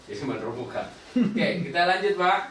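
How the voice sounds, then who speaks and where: A man teaching Arabic grammar to a class in a relaxed, questioning way, now and then slowly chanting verses. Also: high voice, background noise. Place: meeting room. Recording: echoey room, far from the mic.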